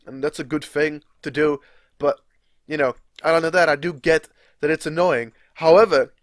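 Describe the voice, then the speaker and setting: In a clean, studio-quality recording with no room sound, a young Czech-speaking gaming creator offers casual, meandering commentary on his gameplay. His voice sits a little high and holds a steady tone at normal speed, and he curses liberally and laughs at himself.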